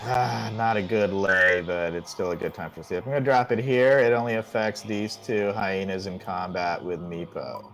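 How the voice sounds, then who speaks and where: A man's voice: deep voice, normal speed, few pauses, a bit bright, faint music behind, rough recording. A man playing a tabletop game, hesitant and thinking aloud as he works out his turn. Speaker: player. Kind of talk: casual game talk.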